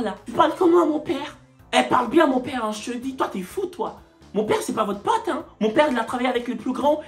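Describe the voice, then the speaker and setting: A woman telling a funny story in a vlog, acting out other people and raising her voice for effect. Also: on the high side. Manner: animated, acts out other people's voices and shouts. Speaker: comedian storyteller.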